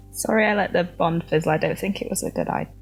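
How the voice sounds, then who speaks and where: A woman with a slightly husky voice talks at a tabletop game table. She giggles and rambles, restarting her sentences. Faint music plays underneath. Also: on the low side, fairly quick. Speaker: player.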